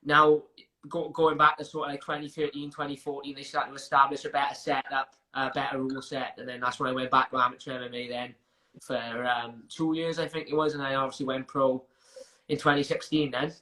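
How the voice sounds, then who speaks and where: A man's voice: mid-range voice, level tone, a little fast, pushed and bright. A young man with a Welsh accent, an MMA fighter chatting in an interview, talking in loose, restarting sentences and laughing through his stories. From Wales. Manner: chatty, frequent restarts and fillers, laughs while telling stories. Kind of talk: casual interview chat.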